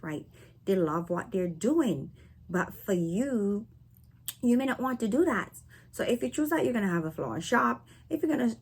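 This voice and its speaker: Husky Barbadian woman vlogger. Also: medium pitch. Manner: chatty, frequent "right?" and "okay?" tags. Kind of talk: casual talk to camera. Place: living in North America.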